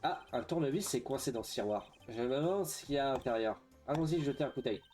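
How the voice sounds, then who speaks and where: A man's voice: mid-range voice, fast talker, a little mellow, faint music behind. A man playing a video game, reading its dialogue aloud with hesitant asides and frequent fillers. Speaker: let's play streamer.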